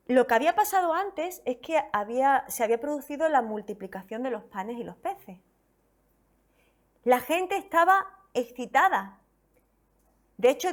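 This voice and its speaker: A woman pastor from Spain preaching a sermon with a Spain Spanish accent, reading scripture expressively and asking the congregation questions. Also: sits high.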